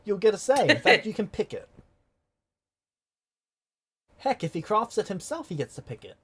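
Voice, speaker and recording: A man from Australia running the game and joking deadpan with his players. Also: high-pitched, fast, breathy edge, dry recording. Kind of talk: casual chat.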